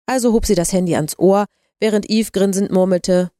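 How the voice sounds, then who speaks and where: A woman reading a story aloud in an even, measured way. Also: mid-range voice, no room sound, clean studio sound. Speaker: narrator. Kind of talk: audiobook narration.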